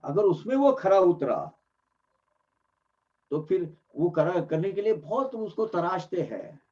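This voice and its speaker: A man's voice: sits high, very animated, slow pace, mellow. A man giving earnest devotional commentary on scripture, explaining emphatically and often restarting his phrases. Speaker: religious discourse speaker. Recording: dull lo-fi recording.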